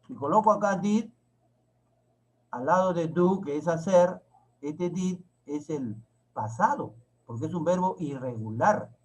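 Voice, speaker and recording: Slow, deliberate male teacher. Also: fairly high pitch, lively intonation, slightly rough, poor audio. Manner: slow, repeats and spells out each word of examples. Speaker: English teacher. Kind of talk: classroom grammar lesson.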